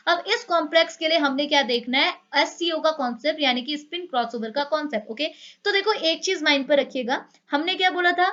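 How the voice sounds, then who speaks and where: Fast, bright-voiced Indian woman teacher. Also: high voice, highs cut off. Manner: explains step by step with many rhetorical questions. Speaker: chemistry teacher. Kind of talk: lecture.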